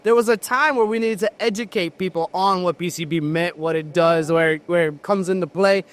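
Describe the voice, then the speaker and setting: Male tour guide host for a factory video, high voice, presents to viewers and puts questions to a guest. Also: normal speed. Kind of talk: on-camera presenting and interviewing.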